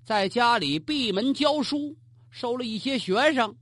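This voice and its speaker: A storyteller telling a historical tale in the traditional Chinese style, lively and colloquial, turning to address the listener. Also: mid-range voice, a little slow, no room sound. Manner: animated, colloquial, asides to the listener.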